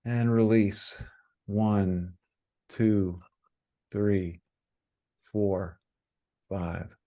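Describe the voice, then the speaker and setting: A teacher leading a meditation offers soothing, calm directions with many pauses. His voice sits on the low side.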